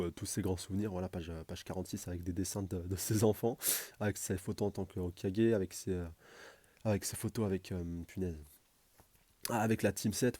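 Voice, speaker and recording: A man with a very low, dark voice rattles through a manga chapter in loose, chatty commentary, often restarting his sentences. He talks quickly, and the sound is dry and close. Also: no echo. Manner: rambling, full of restarts and fillers, chatty. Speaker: manga reviewer. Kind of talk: casual live commentary.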